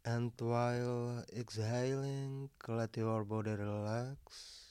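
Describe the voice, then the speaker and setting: Man, relaxation guide, extremely slow pace, flat even intonation, calm short phrases, long pauses. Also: mid-range voice, clean tone, no room sound.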